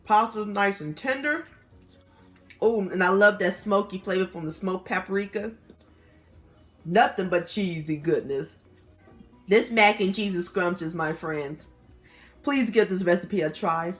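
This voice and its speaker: A woman with a Southern US accent hosting a casual cooking video, expressive, with savoring exclamations and drawn-out words. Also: medium pitch. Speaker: cooking show host. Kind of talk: casual recipe narration.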